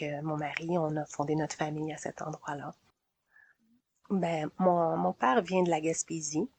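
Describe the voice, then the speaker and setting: A woman in her forties from Quebec with a Québécois accent, telling her story as a podcast guest in a relaxed, hesitant way. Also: low-pitched, no echo. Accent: Québécois French. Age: 40s. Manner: relaxed, hesitant with frequent "euh". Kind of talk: casual storytelling.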